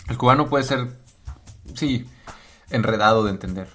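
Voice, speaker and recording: A man hosts a live radio chat, teasing his co-host with playful questions in a relaxed, easygoing way. His voice sits at a middle pitch, and faint music runs underneath. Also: moderate pace. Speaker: radio show host, voice actor and narrator.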